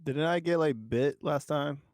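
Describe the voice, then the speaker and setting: A man's voice: fairly high pitch, fairly even intonation, moderate pace, a little mellow, no echo, clean studio sound. A man playing in a tabletop game, out of breath, laughing and self-deprecating. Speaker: player.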